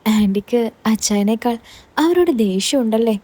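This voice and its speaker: Eager young man, gently questioning and consoling, mellow and fairly high, voiced by a woman reader. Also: lively intonation, moderate pace.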